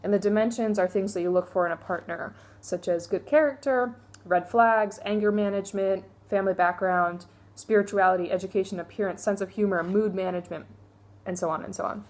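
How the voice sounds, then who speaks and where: Young woman, casual vlog book review, mid-pitched, candid and chatty with frequent fillers. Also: fairly quick, darkish tone.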